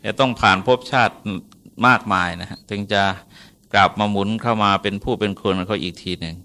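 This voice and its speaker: A man, a Buddhist monk, telling a story in a sermon in a relaxed, conversational way, with polite particles and frequent hesitations. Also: lowish voice, fairly quick.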